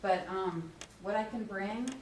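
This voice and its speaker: A woman's voice: mid-range voice, unhurried. A young woman from Minnesota introduces herself informally as a student. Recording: distant mic, echoey room, noisy.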